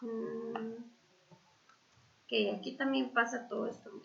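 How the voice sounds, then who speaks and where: Slow, high-voiced woman English teacher. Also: steady tone, creaky, fairly bright tone. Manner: slow, explanatory, with fillers. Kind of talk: online class review. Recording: echoey, dull lo-fi sound.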